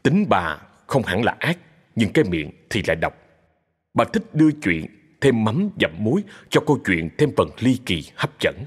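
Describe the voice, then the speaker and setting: A low, husky man's voice narrates a dramatic tale, rising and falling with a lively melody. A long reverb hangs behind him. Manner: steady, expressive storyteller.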